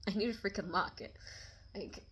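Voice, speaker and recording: A woman's voice: mid-range voice, a bit bright, breathy edge. A woman talking candidly to her camera about friendship, emotional and frank, swinging between laughter and near tears and swearing casually. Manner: swears casually, quick bursts of exasperation. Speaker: vlogger. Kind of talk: personal confessional talk to camera.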